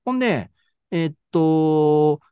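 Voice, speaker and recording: A man with a Kansai accent, co-hosting a casual book podcast, retelling a story with lively asides. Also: on the high side, takes it slowly, clear, resonant tone, no echo. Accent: Kansai Japanese. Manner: animated storyteller, reads passages aloud. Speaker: podcast co-host.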